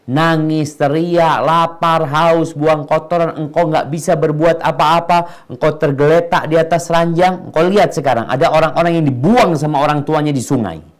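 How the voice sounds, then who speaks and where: Guy preaching, kinda high voice, goes quiet then loud for emphasis. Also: steady tone, normal speed, few pauses. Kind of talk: sermon.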